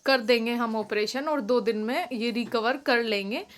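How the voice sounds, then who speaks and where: A woman's voice: on the high side, normal speed. A young woman talking casually in a home vlog, explaining at length with many fillers and restarts. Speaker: vlogger.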